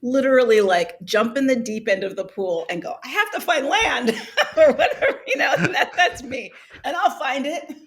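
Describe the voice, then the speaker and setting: A middle-aged woman, an actress and author, talks as a guest in a conversational interview. Her high-pitched voice has lively intonation at a normal speed, and she is reflective, laughs often, and restarts her sentences many times.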